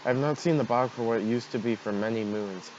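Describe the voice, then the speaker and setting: A man voicing a solemn, grateful native creature in a game, speaking formally and with measured words. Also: medium pitch, a little mellow, natural voice. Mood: solemn gratitude. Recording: dull noisy home microphone.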